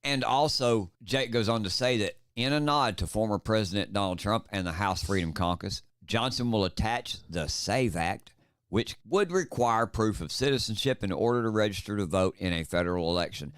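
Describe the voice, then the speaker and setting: Emphatic low-voiced podcast host. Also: male voice, expressive, moderate pace, fairly bright tone, clean tone, dry recording, clean studio sound. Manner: emphatic, impassioned ranting. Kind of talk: political talk podcast.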